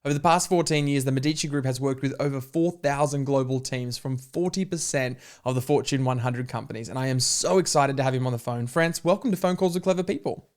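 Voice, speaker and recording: A man hosting a podcast interview, talking eagerly and quickly with some fillers. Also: mid-range voice, clear, resonant tone. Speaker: podcast host. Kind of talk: casual interview.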